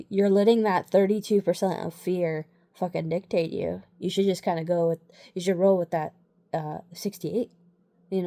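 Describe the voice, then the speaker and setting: A woman's voice: lowish voice, warm tone. A woman talking casually to the camera in a rambling way, full of fillers and restarts. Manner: rambling, many fillers, frequent "like" and "you know". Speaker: vlogger.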